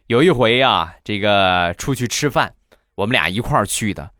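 Animated man telling comic stories. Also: on the low side, normal speed, dry recording, clean studio sound. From China. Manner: animated, switching into playful voices. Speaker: comedy storyteller. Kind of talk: comic anecdotes about his wife.

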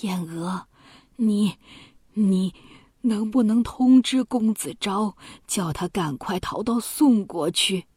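A woman puts on an old duke near death in a storybook tale. He speaks slowly and faintly, his husky voice broken by sighs and pauses. He is full of regret and weak in body. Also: mid-range voice, a little mellow, dry recording, studio quality. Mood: feeble. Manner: feeble, sighing, halting speech. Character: dying old male duke, weak and remorseful. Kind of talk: children's story narration.

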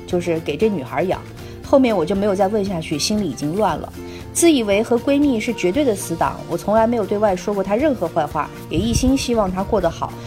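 A woman co-hosting a podcast, reading a listener's letter aloud at a steady, conversational pace. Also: medium pitch. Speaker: podcast co-host.

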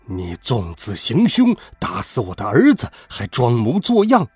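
A man's voice: medium pitch, wildly swooping pitch, a little slow, husky, no room sound, faint music behind, exaggerated voice. A man voicing a furious old dragon king in a storybook tale, roaring threats at others.

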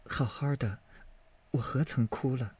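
Name: Daiyu. Figure: a man voicing a frail sharp-tongued young noblewoman. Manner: soft, teasing, reproachful. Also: mid-range voice, unhurried, breathy edge, no echo. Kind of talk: audiobook character voice.

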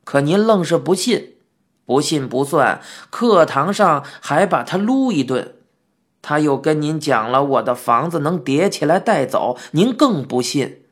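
A reader voicing a mischievous, playful old man who talks in a gruff, slow, teasing drawl, in a children's story. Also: medium pitch, expressive, voice pushed down. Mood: matter-of-fact.

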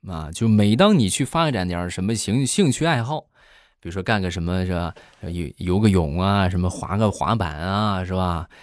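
Man, stand-up monologue, low voice, very animated pitch, dry close sound. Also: brisk, no echo. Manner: lively storytelling with frequent filler "ah"s. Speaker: stand-up comedian. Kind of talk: comic monologue.

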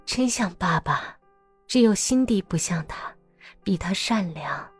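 A woman reading a novel aloud, voicing a gravely ill young peasant wife who speaks faintly and breathily to her family. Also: fairly low pitch, expressive, unhurried, faint music behind, exaggerated voice. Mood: weak, tender. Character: dying young peasant wife, weak and tender.

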